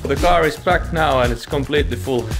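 A man's voice: mid-range voice, a little fast. A man in his thirties chatting casually to the camera in a travel vlog, easygoing with dry humor. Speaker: vlogger. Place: outdoors beside a packed car. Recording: music playing under the voice. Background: background music.

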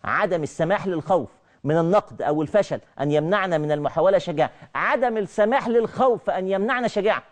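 This televised religious lecture comes from a middle-aged man with an Egyptian Arabic accent who talks fast in a high-pitched voice. His delivery is animated, with key phrases repeated.

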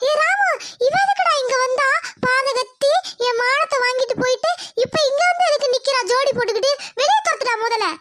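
A performer voicing a proud, sick elderly mother in a cartoon who scolds and shouts from a hospital bed, recorded dry and close. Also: very high-pitched, fairly even intonation, a little fast. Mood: furious. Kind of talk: Tamil cartoon voice acting.

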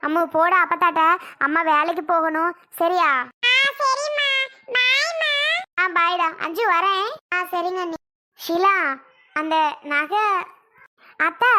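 A woman performing in a homemade family drama skit, her voice very high and bright. She moves between scolding, pleading and emotional household talk.

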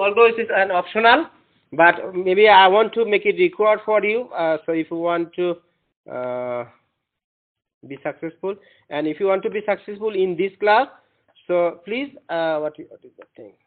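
A Bengali-speaking man with a high-sitting voice and lively intonation lectures a class at a moderate pace. He's earnest and encouraging and often repeats himself, and the recording has an echoey room sound and a tinny, phone-like quality.

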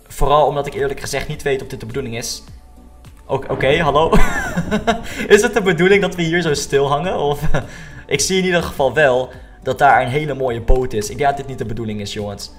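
A young man doing excited Minecraft gameplay commentary, addressing viewers and dropping English slang into his speech. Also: mid-range voice. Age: young adult. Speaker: gaming YouTuber.

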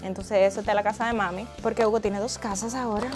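A woman's voice: medium pitch, fairly even intonation, fast, over music. A woman, chatting casually in a vlog as a mother. She gushes and squeals over cute things and drops English words into her speech. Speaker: mother unboxing birthday gifts.

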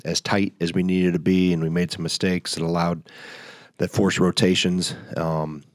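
A middle-aged man, a head coach, breaking down a game at a postgame press conference in a measured, analytical way. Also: low voice, flat delivery, dry recording. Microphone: table mic.

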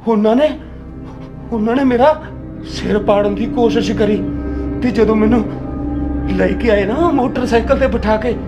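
In a web series, an actor plays a frightened young village man, the nephew in a family drama, crying and pleading tearfully and haltingly in a Malwai Punjabi accent. His voice is high-pitched and lightly acted, heard over music.

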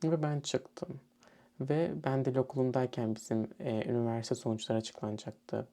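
A man's voice: mid-range voice, flat delivery, moderate pace, warm tone. A young man from Turkey telling a story casually and animatedly, acting out what other people said. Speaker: student vlogger.

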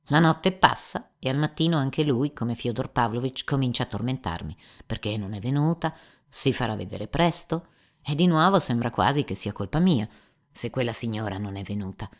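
A woman reading an audiobook voices a sly, servile male servant who talks in a smooth, unhurried, faintly ingratiating way. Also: a bass voice.

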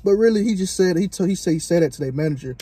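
Dude chatting on a reaction vid, kinda husky, mellow low tone, real laid-back. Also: male voice, expressive, racing. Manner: laid-back slangy commentary. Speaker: reaction video co-host. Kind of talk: casual reaction chat.

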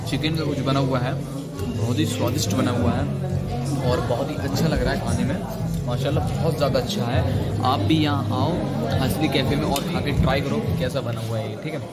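A man's voice: medium pitch, steady tone, a little fast, loud music behind the voice, a loud crowd, poor audio. A young man casually narrating his own vlog from a cafe, talking to viewers with a phone held at arm's length. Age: young adult. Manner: chatty, addresses viewers as guys. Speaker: vlogger. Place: cafe, indoors.

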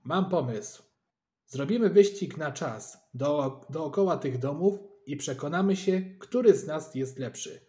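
A man putting on a boastful middle-aged neighbor who loves to needle people, loud and jeering, pitched well above the reader's own voice, all of it from a storybook read aloud. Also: lively intonation, measured pace. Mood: taunting.

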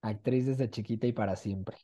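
Speaking at a normal speed in a lowish, dark voice with fairly even intonation, a Mexican-accented man in his twenties hosts a casual, encouraging interview. He's on a video call with wired earphones from a small room at home.

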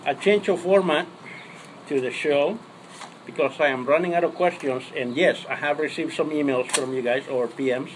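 A man's voice: a little high, moderate pace, a little hiss or hum, poor audio. Man talking around a pipe in his mouth. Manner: rambling, chatty, frequent fillers. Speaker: host. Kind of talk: casual pipe-smoking vlog chat. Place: outdoors on a home balcony.

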